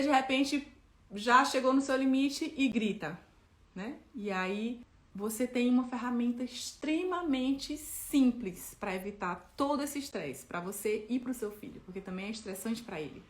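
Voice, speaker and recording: A woman gives parenting advice straight to the listener, chatty and explanatory, checking in with little tag questions as she goes. Her voice sits on the higher side, and the room gives it a noticeable echo. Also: lively intonation, moderate pace. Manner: conversational, many tag questions. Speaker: parenting educator. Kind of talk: explaining parenting tips to camera.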